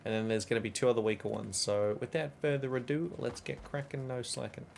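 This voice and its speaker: A man's voice: mid-range voice, little pitch movement, brisk, creaky, a little mellow, a little hiss or hum. A young man from Australia talks through a live game stream, his Australian accent light rather than broad. His voice sits right in the middle of the male range, and he rambles casually, cracks jokes and laughs often. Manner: chatty, joking, laughs often, slang-heavy. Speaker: gaming streamer.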